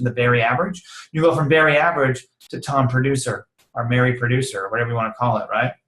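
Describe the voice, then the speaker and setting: A man giving a casual, energetic sales training talk, slangy and quick to act out sample conversations. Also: mid-range voice. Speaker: network marketing trainer. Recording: roomy echo.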